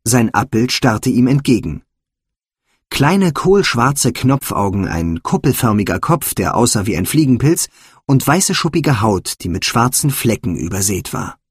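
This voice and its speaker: A man narrating a children's fantasy storybook in a measured, expressive way. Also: mid-range voice, husky, no echo, studio quality.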